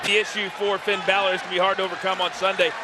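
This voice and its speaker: High-voiced male wrestling colour commentator. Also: level tone, very fast, heavy background noise.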